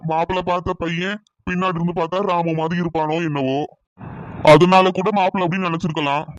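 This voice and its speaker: A man voicing a calm, even-toned village man. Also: fairly high pitch, fast talker, dry recording, natural voice. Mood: soothing. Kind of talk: cartoon voice acting. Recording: dull lo-fi sound.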